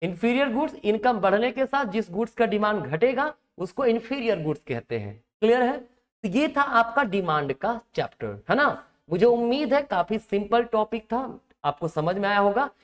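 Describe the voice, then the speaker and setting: A woman's voice: a little high, very animated, normal speed. A woman teaching economics for exam prep in Hindi mixed with terms, asking questions and then answering them herself. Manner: asks and answers her own questions, checks in often.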